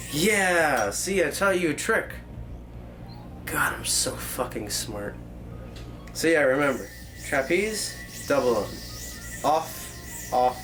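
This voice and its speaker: A man's voice: medium pitch, fairly bright tone. A man hosting a casual, joking tutorial, explaining like a rambling professor who drifts into tangents and corrects himself. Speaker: tutorial host.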